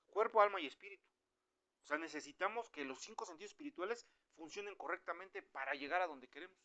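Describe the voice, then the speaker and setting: A man with a Mexican Spanish accent preaching an informal, conversational sermon, animated and acting out the voices of the people he quotes. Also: a little high, muffled recording.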